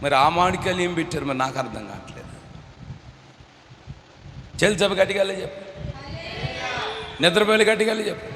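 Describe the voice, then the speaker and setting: A man preaching a sermon as pastor, urging the congregation to respond and rising into shouted exhortation. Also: high voice, fairly quick, pauses often, noisy background. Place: large church hall. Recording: echoey hall from far off.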